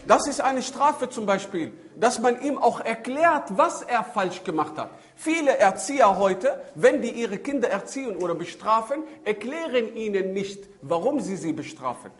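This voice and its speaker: A man's voice: high voice, normal speed, hardly any pauses. A man giving a religious talk as a preacher, telling stories animatedly and adding Arabic religious phrases. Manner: animated storytelling with shifting emphasis. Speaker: Islamic preacher. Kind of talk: religious talk on child-rearing.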